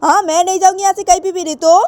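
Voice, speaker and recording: A shrill, furious mother scolds her grown daughter again and again, as a woman narrator puts her on. Her voice sits high above the teller's own, with a mellow tone underneath. This is a homemade spoken love-story episode. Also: moderate pace, no room sound, close to an everyday voice. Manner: shrill, insistent repetition.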